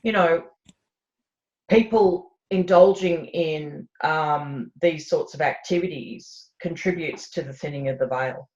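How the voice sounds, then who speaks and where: A woman's voice: low voice, slow pace, a little mellow, highs cut off. A woman talking as an interview guest, musing aloud with lots of fillers. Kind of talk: casual conversational interview.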